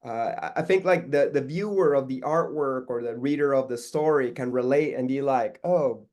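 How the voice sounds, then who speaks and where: A middle-aged man from Peru chats as an interview guest. He talks in a relaxed, meandering way, full of fillers and restarts. His voice sits at an ordinary middle pitch. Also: moderate pace. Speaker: guest artist. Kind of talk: casual interview talk.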